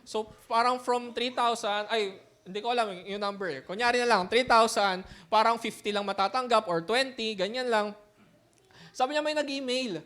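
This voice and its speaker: A man's voice: very high voice, moderate pace, pushed and bright. A man, a pastor, telling a personal story in a sermon, mixing in English words and often laughing as he talks. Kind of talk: sermon testimony.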